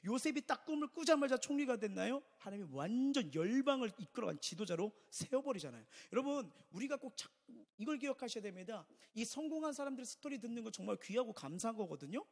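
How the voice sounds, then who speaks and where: A man's voice: very high voice, big pitch swings, fast, few pauses. A male pastor preaching a Sunday sermon, emphatic, with rhetorical questions and repeated phrases. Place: church sanctuary. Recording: reverberant church hall.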